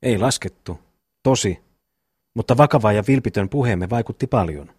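A man reading an audiobook, voicing a hot-tempered, boastful young peasant brother with a husky voice. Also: lowish voice, lively intonation, a little mellow, dry recording, clean studio sound. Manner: boastful, blunt storytelling. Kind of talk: audiobook reading of a classic novel.

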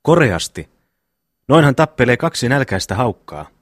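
A man reading the part of a calm, sensible young brother in an audiobook, measured and reasoning. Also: mid-range voice, dry recording, clean studio sound.

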